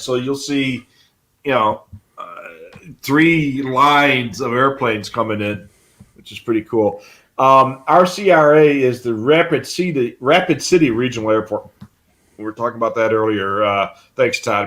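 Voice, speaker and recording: A man's voice: medium pitch, a bit bright. A man co-hosting a live stream, explaining in a casual, rambling way with many fillers. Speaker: livestream co-host.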